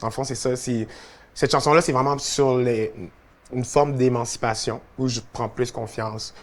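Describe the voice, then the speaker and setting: A young musician guest with a Quebec French accent chats casually about his career in a relaxed, reflective way, using many fillers. His voice is mid-range and he talks at a normal speed.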